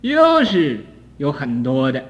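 An older man, a Buddhist teacher, lecturing slowly on a sutra commentary, with frequent "ah" fillers and sudden swings between soft and loud. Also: on the high side, huge pitch swings. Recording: dull archival recording in a reverberant hall.

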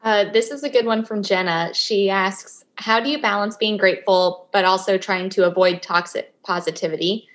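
A woman host reads listener questions aloud in a plain, even way, leading the talk at a medium pitch. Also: moderate pace, few pauses. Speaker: interview host.

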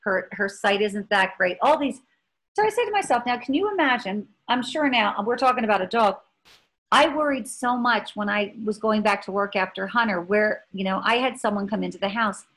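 A woman's voice: mid-range voice, normal speed, fairly bright tone, low-quality recording. A woman in her fifties co-hosting a casual chat, telling stories in a rambling way with many restarts. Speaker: podcast co-host.

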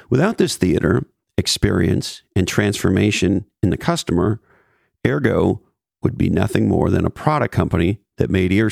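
Gravelly low-voiced man with wry asides. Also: a little mellow, no echo, clean studio sound. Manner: wry asides, emphatic repetition. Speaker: business podcast host. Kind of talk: scripted business commentary.

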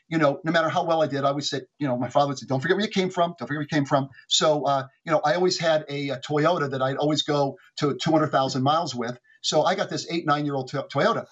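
A male guest telling stories about his career, animated and quick, often restarting his sentences. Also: on the high side, slightly rough, highs cut off. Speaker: guest, former executive. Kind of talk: anecdotal storytelling.

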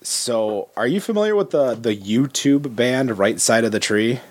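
A man chatting as a guest about brewing and podcasts, rambling with many pauses and fillers. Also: mid-range voice, expressive. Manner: rambling, many ums and restarts. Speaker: homebrewer guest. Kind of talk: casual podcast chat.

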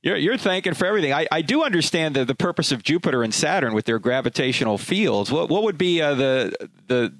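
A man's voice: medium pitch, big pitch swings, a little fast, few pauses, no room sound. A man hosting a radio interview show in a conversational way, asking questions and wrapping up segments.

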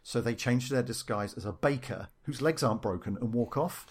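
A man's voice: medium pitch, a little fast. A man talking casually about the game he designs, with many fillers and restarts. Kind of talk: casual interview chat.

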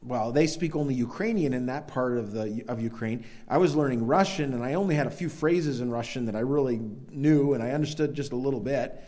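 An American man preaching a conversational sermon, telling stories with animated peaks and frequent restarts. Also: medium pitch, fairly quick, few pauses. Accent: American English. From United States. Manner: storytelling with rising animated peaks, self-repeating restarts.

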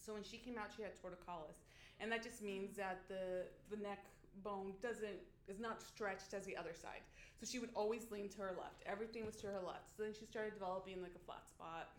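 A woman guest in a casual panel chat, telling a long story in an animated way and acting out the quotes. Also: mid-range voice, a little fast, a little hiss or hum. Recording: echoey room.

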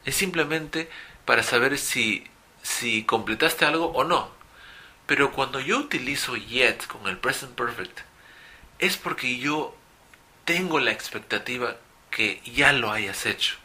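Lively, forceful male English teacher. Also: mid-range voice, measured pace. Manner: animated, repeats example phrases. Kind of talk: explanatory language lesson.

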